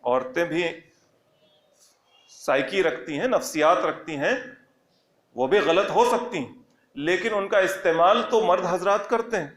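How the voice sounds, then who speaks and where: A man's voice: high-pitched, long pauses, a bit bright, echoey room. A man teaching a lesson on the Quran, reciting Arabic verses and then explaining them phrase by phrase with emphatic repetition. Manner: emphatic, repeats key phrases for stress. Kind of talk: religious lesson explaining scripture.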